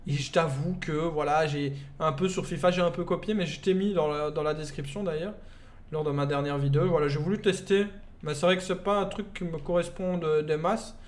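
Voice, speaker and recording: Brief: young Belgian man, high voice, loose joking live-stream commentary, talks to chat like buddies. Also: fairly even intonation, a little fast. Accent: Belgian French. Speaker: gaming streamer. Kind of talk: live gameplay commentary, chatting with viewers.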